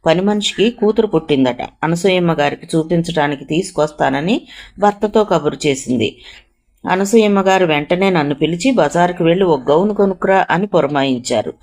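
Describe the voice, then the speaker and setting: A woman's voice: lowish voice, brisk, darkish tone. A woman narrating a first-person story as a storyteller, briefly acting out the quoted lines of its characters.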